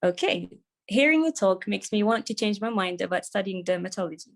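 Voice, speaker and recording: A woman's voice: mid-range voice, animated, fairly quick. A young woman co-hosting a podcast, reading prepared interview questions in an eager, upbeat way. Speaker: podcast co-host.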